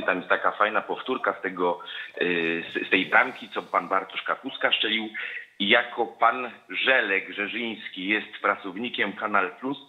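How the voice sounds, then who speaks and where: A man with a Polish accent calling into a show, speaking hesitantly with lots of filler sounds. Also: on the low side. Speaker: caller. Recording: tinny phone line.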